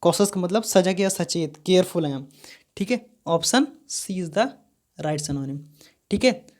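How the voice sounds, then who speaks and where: A man's voice: sits high, unhurried. A male teacher giving a live online vocabulary lesson, spelling words letter by letter and repeating his questions.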